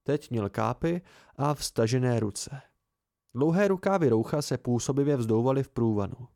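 Guy reading an audiobook at home, calm and even, warm dark tone, dead dry sound. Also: medium pitch, vocal fry, dry recording. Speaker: amateur audiobook reader. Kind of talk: first-person novel narration. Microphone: home recording.

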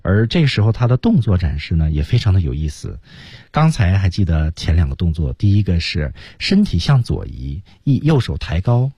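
A deep, husky man teaching English on radio, his voice swinging widely as he explains and acts out lines. It sounds dry and close in a studio. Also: warm tone, no room sound.

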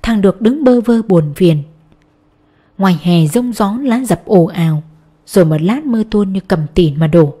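A woman narrating a novel audiobook in a steady storytelling voice. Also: medium pitch, moderate pace. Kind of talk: scripted narration.

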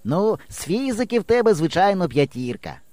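A man voicing a husky, awkward village boy. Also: sits high, sing-song, moderate pace, darkish tone, dry recording, voice pushed up. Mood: earnest. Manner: blunt, fussy questions. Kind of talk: audiobook character voice.

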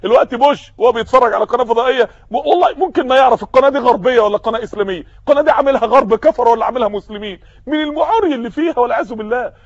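A man with an Egyptian accent preaching an impassioned sermon full of rhetorical questions, rising at times to shouts. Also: extremely high pitch, racing, few pauses, no echo, muffled recording. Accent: Egyptian Arabic.

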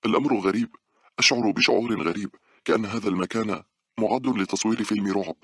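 A frightened young woman in a spoken horror story, pitched high and pleading, her words tumbling out anxiously, as a male narrator puts her on. The voice keeps a bright, raspy grain under the raised pitch. It sounds close and dry. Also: fast talker, no room sound. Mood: uneasy.

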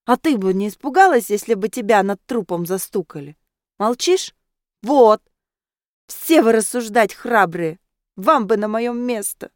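A woman voicing a tipsy, hot-headed teenage girl dressed as a ghost, loud and insistent. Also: fairly high pitch, expressive, moderate pace, no room sound, studio quality, pitched above the performer's own voice, lightly acted. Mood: indignant.

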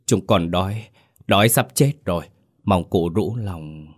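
A man's voice: low voice, measured pace, husky. A man voicing a starving, trembling old peasant woman who pleads in a faint voice. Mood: pleading.

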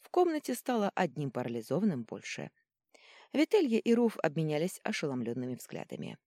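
A woman narrating a fantasy audiobook in an expressive storytelling manner. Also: low-pitched, fairly quick, no echo, studio quality. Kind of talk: scripted narration.

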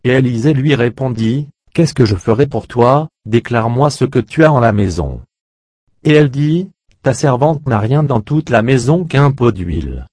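Guy reading scripture out loud, steady and even, no room sound at all. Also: medium pitch, moderate pace, no room sound, clean studio sound. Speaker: Bible reader. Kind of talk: scripted narration.

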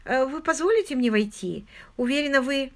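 A woman voicing a prim, excitable older spinster who talks in a fussy, insistent rush in an audiobook. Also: high-pitched, brisk, pitched above the performer's own voice. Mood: eager, alarmed.

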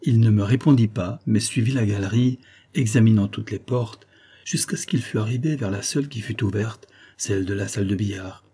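A man reading a literary story aloud in a measured, even narrating voice. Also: lowish voice, husky. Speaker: audiobook reader.

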